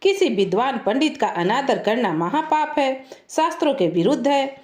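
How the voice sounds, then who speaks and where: A woman's voice: sits high, lively intonation, moderate pace, reverberant. A woman voicing a foolish, self-important young male scholar who lectures and scolds in a pedantic way. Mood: pompous.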